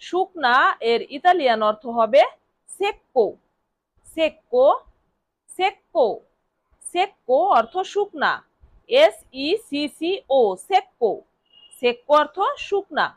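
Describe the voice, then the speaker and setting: Her voice sits high and sounds animated as this language teacher works through vocabulary a little slowly, leaving long pauses. She spells each word letter by letter after repeating it several times, then asks questions she answers herself, all in a dry recording.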